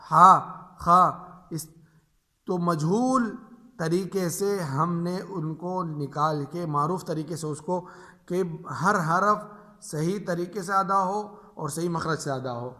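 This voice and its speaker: A man's voice: high-pitched, sharp tone. A man teaching the Arabic letters to other teachers, drawing out each sound and repeating simple questions as if speaking to children. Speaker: Quran reading teacher. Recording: echoey room reverb.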